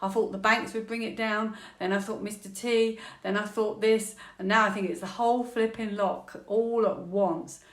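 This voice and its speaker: Woman, tarot vlogger: chatty and thinks out loud, prone to excited squeals. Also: mid-range voice, normal speed, hardly any pauses. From United Kingdom. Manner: chatty, thinks aloud while drawing cards, with frequent fillers; bursts into excited squeals and laughter. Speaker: tarot reader. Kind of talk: tarot reading vlog.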